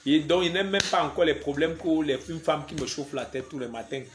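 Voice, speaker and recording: A man's voice: on the high side, a little fast, background noise. Joking Cameroonian man live-streaming. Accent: Cameroonian French. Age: young adult. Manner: playful, joking, reads viewer comments aloud. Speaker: comedian doing a live stream. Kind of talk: casual live-stream chat.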